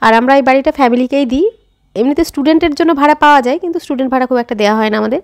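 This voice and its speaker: Fast-talking woman vlogger. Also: high voice. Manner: chatty, addresses viewers directly. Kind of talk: casual daily vlog narration.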